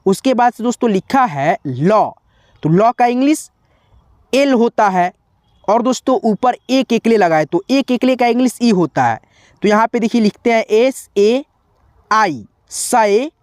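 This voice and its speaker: Slow patient male tutor, dry close sound. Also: very high voice, lively intonation, darkish tone, dry recording. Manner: slow, repetitive, spells letters out one by one; keeps addressing viewers as friends. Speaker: teacher. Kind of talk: tutorial explaining spelling on a board.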